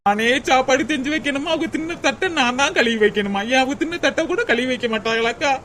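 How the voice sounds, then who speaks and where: A woman's voice: high-pitched, fast talker, fairly bright tone, a little hiss or hum. A woman voicing a put-upon young village wife in a cartoon, aggrieved and pleading, with a south Tamil Nadu accent. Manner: aggrieved, pleading, calls others akka. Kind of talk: cartoon voice acting.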